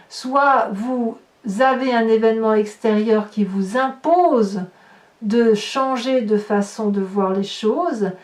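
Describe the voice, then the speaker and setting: A woman's voice: fairly high pitch, darkish tone. A woman giving a tarot reading, musing aloud with hesitations and rhetorical questions as she turns the cards. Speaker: tarot reader. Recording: roomy, distant mic.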